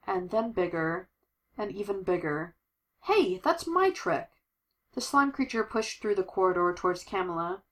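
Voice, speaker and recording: A woman reading a superhero story aloud, giving the characters lively voices. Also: medium pitch, low-quality recording. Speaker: audiobook narrator.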